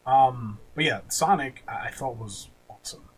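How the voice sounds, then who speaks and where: A podcast host chats casually about ranking films, offering opinions and the occasional swear word. His medium-pitched voice moves at a moderate pace over a rough recording with crowd noise clearly audible in the background.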